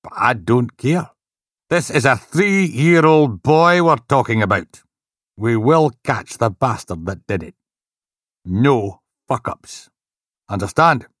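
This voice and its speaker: A man voicing a large, bald police inspector who speaks gruffly and emphatically, full of threats. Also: fairly low pitch, expressive, moderate pace, no room sound, clean studio sound. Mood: stern.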